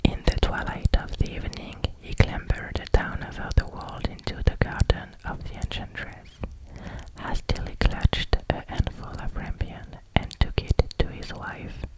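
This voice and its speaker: A native French speaker with a French accent reading in a hushed, close ASMR whisper, carefully and a little haltingly. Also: poor audio. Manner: careful, halting over difficult English words. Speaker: ASMR reader. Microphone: close microphone.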